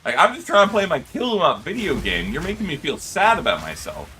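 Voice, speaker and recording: A male game streamer talking casually to his viewers through a desk microphone at home. His voice is bright and very lively, jumping into high yelps and frequent laughter, with faint background noise. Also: brisk. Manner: animated, laughs often, high-pitched yelps. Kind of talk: casual gaming livestream chat.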